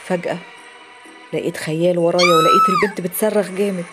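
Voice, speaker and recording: A woman with an Egyptian Arabic accent tells a first-person horror story from a script. She talks fast in a lowish voice. Loud music plays underneath the whole time. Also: huge pitch swings.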